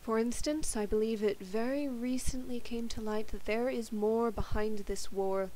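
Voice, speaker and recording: A woman playing a formal, earnest envoy in a tabletop game, speaking in a measured, solemn way with deliberate pauses. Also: medium pitch, mellow, close to an everyday voice. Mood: grave, measured. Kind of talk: in-character tabletop role-play speech. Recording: noisy recording with hiss.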